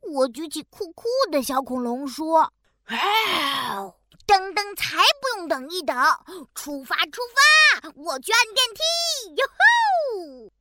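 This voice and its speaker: A woman's voice: sits high, lively intonation, slow, fairly bright tone, no room sound, exaggerated voice. A woman voicing a cheerful, proud little boy bear cub in a children's storybook, playful and sing-song, with sound effects. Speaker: storybook narrator in character.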